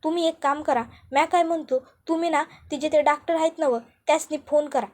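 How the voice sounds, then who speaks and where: A woman's voice: fairly even intonation, brisk, lightly acted. A woman voicing a simple, pleading village wife. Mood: coaxing. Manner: pleading, higher and louder.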